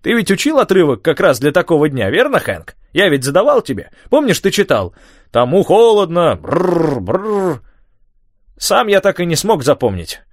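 A man reads an old man full of loud, excited chatter, his voice jumping up high and carrying strongly. He rambles on, exclaiming, pitch swinging widely, in a dry, close audiobook recording. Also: fairly quick, hardly any pauses, no room sound, heavily acted. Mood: playful. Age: older. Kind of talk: audiobook character voice.

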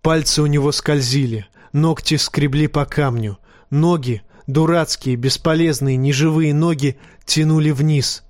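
A man reading a fantasy novel aloud in steady, even audiobook narration. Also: on the high side, unhurried, dry recording, studio quality. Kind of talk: scripted narration.

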